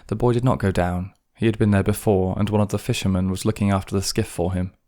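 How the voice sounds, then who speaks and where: A man narrates an audiobook in a very deep voice. His delivery stays flat and steady throughout, with little rise and fall. The reading is calm and measured. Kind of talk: scripted narration.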